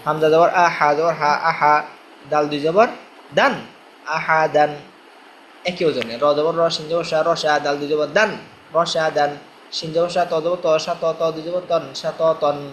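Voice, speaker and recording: Patient man drilling syllables slowly. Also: on the high side, steady tone, a bit bright, slight background noise, low-quality recording. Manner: slow, patient, repeats syllables for learners to follow. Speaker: Quran reading teacher. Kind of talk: spelling drill lesson.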